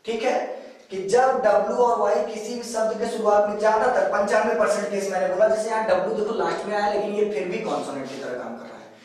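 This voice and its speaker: Indian guy teaching english grammar, up-state hindi accent, high voice, asks and answers his own questions, big echo from far off. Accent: Uttar Pradesh Hindi. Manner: asks students questions and answers them himself; reads English lines out very slowly. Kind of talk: classroom grammar lesson. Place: coaching class room. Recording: very echoey room, far from mic.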